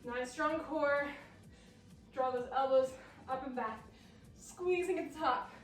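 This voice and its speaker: A woman's voice: high voice, slow. A woman fitness coach leading a workout while doing it herself, out of breath and encouraging. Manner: encouraging, breathless between exercises. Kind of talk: workout instruction. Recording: roomy sound from a distance.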